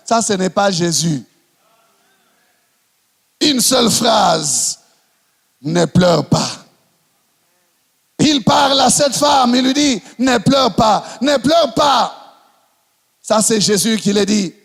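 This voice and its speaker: A man preaching a sermon as pastor, swinging between impassioned shouting and hushed passages. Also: sits high, lively intonation, slow, gravelly, long pauses, slightly rough, long reverb tail.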